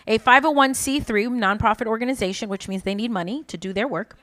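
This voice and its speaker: A woman's voice: fairly high pitch, pushed and bright, no room sound. A woman emcee reading a speaker's bio aloud to a room and adding offhand asides and announcements. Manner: reads smoothly, adds offhand asides. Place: event room with a live audience.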